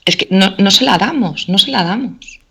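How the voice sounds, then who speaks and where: A woman's voice: mid-range voice, expressive, normal speed, bright, forceful tone, husky. A middle-aged woman from Spain, a teacher chatting casually and filling her talk with "o sea" and "¿vale?". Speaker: teacher and guest. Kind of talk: casual chat.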